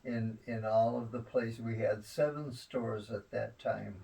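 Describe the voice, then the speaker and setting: An elderly man reminiscing in a rambling grandpa way about family history, halting often and repeating his words. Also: lowish voice, steady tone, vocal fry, warm tone, recorded from a distance, poor audio. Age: 70s or older.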